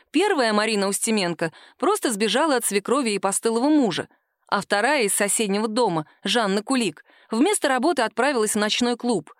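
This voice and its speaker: A woman reading an audiobook narration in a measured, unhurried storytelling manner. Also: fairly high pitch, no echo, clean studio sound.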